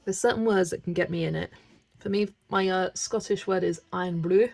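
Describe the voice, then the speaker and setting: This young woman from England's West Country has a mild accent and colours on her live stream, chatting in a relaxed way and laughing frequently. Her fairly low voice is brisk and steady, gravelly and a little mellow.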